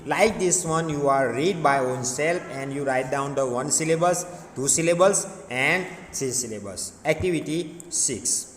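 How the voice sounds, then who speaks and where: A male teacher with an Indian English accent, explaining a grammar lesson and switching between Hindi and English as he repeats each word clearly. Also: fairly high pitch, very slow, hardly any pauses, a little hiss or hum. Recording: echoey room with long reverb.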